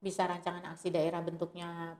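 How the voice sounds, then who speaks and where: A woman activist answering interview questions in a measured way, often pausing on "eh" and starting points with "nah". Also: on the low side, completely flat delivery, a little mellow. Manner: measured, with frequent "eh" fillers and "nah" openers. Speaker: guest, women's rights activist.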